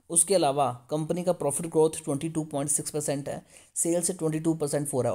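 A man talks through a stock, his voice a bit high yet mellow and dark in tone. He reads figures off a chart and pushes his viewers hard to buy. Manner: pushy, urges viewers to buy. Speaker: stock market video host. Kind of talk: casual stock analysis explainer.

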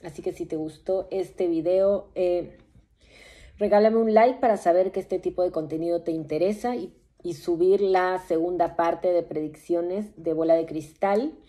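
A woman hosting a psychic video, narrating crystal-ball visions in a slow, hushed, dramatic way with repeated exclamations. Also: fairly low pitch.

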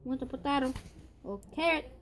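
A high, bouncing voice from a girl chatting through a game. She gets excitable fast and breaks into squeals and shouts. Her pitch swings all over the place. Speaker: gamer. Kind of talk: casual gameplay chat.

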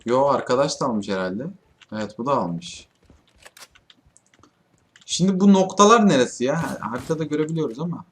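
A gaming YouTuber, a young man with a mid-pitched voice, narrates a shooter while playing, swearing a lot and shouting at teammates when rounds go badly. Between rounds he chats loosely and steadily at a moderate pace, with big swings in pitch and long pauses. There's a slight hiss or hum on the audio.

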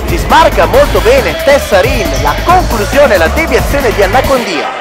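High-pitched excitable male sports commentator. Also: moderate pace. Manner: excitable, shouting goal calls. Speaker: match commentator. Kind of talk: futsal play-by-play commentary. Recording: music and crowd noise behind. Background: music, sports hall crowd.

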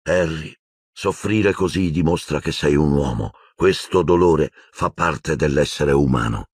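A man voicing a serene old wizard headmaster, speaking calmly and softly. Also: very deep voice, breathy edge, no echo, studio quality, heavily acted. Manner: calm, measured and soft-spoken.

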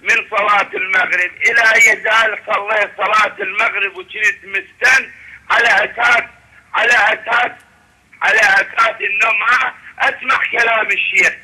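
A man's voice: high-pitched, steady tone, normal speed, sharp tone, slightly rough. A man from Iran calls in to a talk show over an unclear phone line. He is emphatic and often repeats his words. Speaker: phone-in caller.

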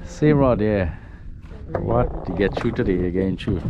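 A man with a Trinidadian accent giving chatty, excitable running commentary while fishing from a small boat. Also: fairly low pitch, moderate pace, dull audio. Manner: chatty, excitable, creole phrasing. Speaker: fishing vlogger. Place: outdoors on a small boat at sea. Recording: noisy outdoor water and wind.

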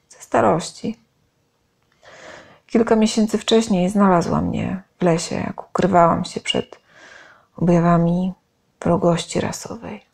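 A woman's voice: medium pitch, vocal fry. A woman voicing a frightened, subdued young half-elf herbalist in a read-aloud story. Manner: subdued, quiet.

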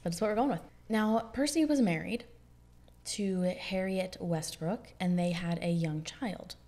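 A young woman co-hosting a podcast, chatting casually about history with frequent laughs and quick asides. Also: lowish voice, warm tone. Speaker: podcast co-host.

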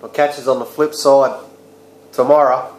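A man's voice: mid-range voice, little pitch movement, moderate pace. An easygoing Australian man in his thirties chats loosely through a beer review, drifting between thoughts and dropping crude slang. His mid-range voice bounces around a small, echoey room, picked up by a close webcam mic. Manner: laid-back, rambling, crude slang. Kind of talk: casual beer review vlog. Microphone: webcam or laptop mic close up.

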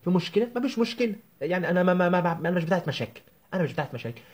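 A man's voice: sits high, animated, a little mellow. A man with an Egyptian Arabic accent voicing a young newlywed woman who complains to her mother on the phone in a comic sketch, whiny and indignant. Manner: whiny, indignant, rapid rambling. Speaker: comedian.

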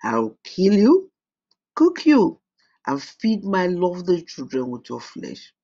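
A storyteller voicing a cunning old forest witch who cackles and threatens in a raised, high voice, with a husky, creaky edge on a dull lo-fi recording. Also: wildly swooping pitch, slow pace, warm tone, heavily acted. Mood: menacing.

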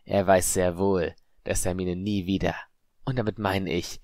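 A man doing a slow, hissing unseen voice. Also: low-pitched, flat delivery, no room sound. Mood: cold. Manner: slow, hissing, quietly threatening. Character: eerie unseen whispering voice, cold and menacing.

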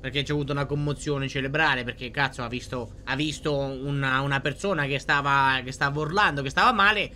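A young man commentating a horror game, excitable, swearing often and talking to himself. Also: medium pitch, fairly quick, few pauses, slight background noise. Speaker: gaming streamer.

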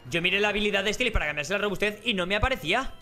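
Man, let's play host, rapid rambling commentary, jokey and swearing, faint game music behind. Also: high voice, lively intonation, sharp tone. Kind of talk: casual gameplay commentary.

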